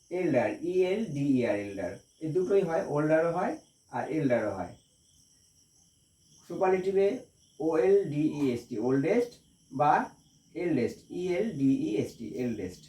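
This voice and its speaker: A man's voice: fairly high pitch, warm tone, far from the mic. Man spelling out words in an echoey room. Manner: spells words letter by letter, repeats each word. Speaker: English grammar teacher. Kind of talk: slow spelled-out grammar lesson.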